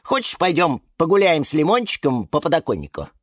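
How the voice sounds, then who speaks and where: A man's voice: fairly high pitch, wildly swooping pitch, fairly quick, dry recording, studio quality, pitched above the performer's own voice. A man voicing a chatty, distracted male lemon in a storybook. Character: busy chatty male lemon, new father.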